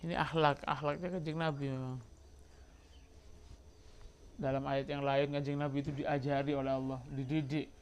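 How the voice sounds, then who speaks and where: A man's voice: medium pitch, level tone, normal speed, long pauses, a little hiss or hum. A man giving a sermon, telling stories and acting out quoted dialogue as he teaches from a religious book. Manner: storytelling, acts out quoted dialogue, mixes in Javanese and Arabic. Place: religious study gathering.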